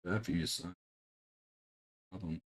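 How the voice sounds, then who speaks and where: A man's voice: low-pitched, steady tone, takes it slowly. A young man streaming while he paints, telling stories in a laid-back way with swearing and chuckles. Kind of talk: casual chat while hobby painting.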